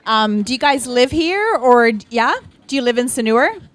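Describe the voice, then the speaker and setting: A woman's voice: on the high side, expressive, moderate pace. A middle-aged woman from the Czech Republic giving a casual talk to a small audience, chatty, with many ums, and asking the listeners questions.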